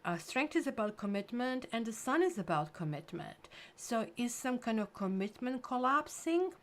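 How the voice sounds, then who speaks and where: A woman's voice: fairly high pitch, normal speed. A woman, giving a rambling, chatty tarot reading to camera, full of fillers. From Croatia. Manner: chatty, rambling, full of "like" and "kind of", lively bursts. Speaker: tarot reader.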